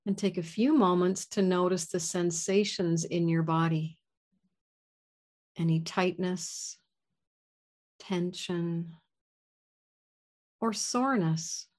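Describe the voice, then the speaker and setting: A woman leading a guided gratitude meditation in a soft, soothing voice. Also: fairly low pitch, slow, long pauses.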